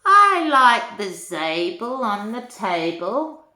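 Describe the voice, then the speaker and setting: A grandmother's mid-range, sing-song voice with a sharp edge fills an echoey room as she reads a rhyming storybook to children. She keeps an unhurried lilt and adds chatty asides for her young audience.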